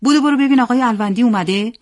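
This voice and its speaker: A woman's voice: on the high side, darkish tone, voice pushed up, natural voice. A woman voicing a stern, worried middle-aged father who gives curt, commanding orders. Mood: tense.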